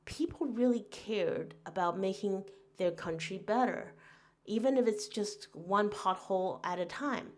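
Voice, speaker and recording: Slow, earnest woman from Taiwan, musing. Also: medium pitch. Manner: earnest and musing, with frequent fillers and restarts. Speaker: podcast host. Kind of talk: reflective podcast monologue.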